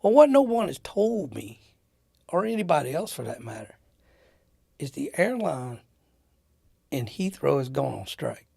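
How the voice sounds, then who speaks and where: A man's voice: a little high, unhurried, gravelly, long pauses, breathy edge, no echo, studio quality. A man telling casual travel stories as an interview guest, acting out the people he met. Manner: animated, acts out the people in his stories. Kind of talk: casual storytelling.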